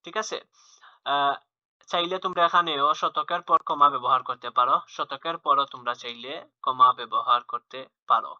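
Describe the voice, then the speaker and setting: A man's voice: mid-range voice, steady tone, moderate pace, no room sound. A man teaching young children a maths lesson, explaining patiently and repeating himself, with fillers and restarts. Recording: dull lo-fi home recording.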